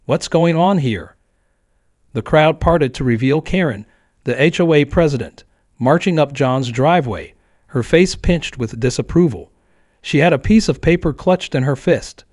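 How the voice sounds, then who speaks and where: A man reading a scripted neighborhood story in a steady, even storytelling manner. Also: a little high, moderate pace, no room sound, clean studio sound. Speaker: narrator.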